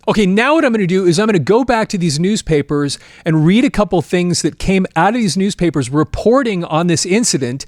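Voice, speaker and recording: This host and storyteller has a fairly high-pitched voice, captured in studio quality with no echo. He casually retells a story to his audience with plenty of animation, performing the lines of dialogue himself.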